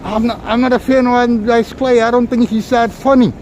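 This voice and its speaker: Walking along a busy city street outdoors, a man gives his viewers a rambling, casual tour, chatting and talking straight to them. His voice is very high and a little mellow, with a level tone and moderate pace, and street traffic noise fills the noisy recording.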